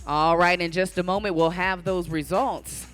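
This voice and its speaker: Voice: mid-range voice, fairly even intonation, moderate pace, fairly bright tone. A bodybuilding show announcer speaking live from the stage, calling out directions to competitors and addressing the audience. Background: event music.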